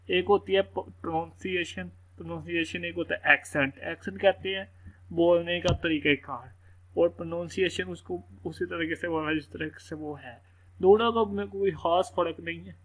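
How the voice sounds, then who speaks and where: A man's voice: a little high, poor audio. Chatty male teacher. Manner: loose, repetitive, full of "theek hai" fillers. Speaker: English teacher. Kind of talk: casual screen-recorded lesson.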